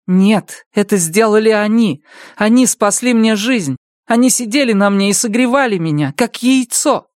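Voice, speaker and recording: A woman's voice: mid-range voice, normal speed, dry recording, studio quality, voice pushed up, close to an everyday voice. A narrator voicing a stubborn, firm woman who befriends crows, in an audiobook. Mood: indignant. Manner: firm, indignant, then gentle.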